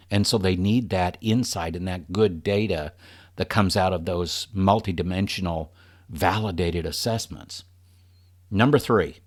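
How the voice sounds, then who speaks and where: A man with a very low, deep voice speaks as a leadership trainer addressing an audience. His delivery is earnest and emphatic, with a light chuckle now and then. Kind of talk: presentation to an audience.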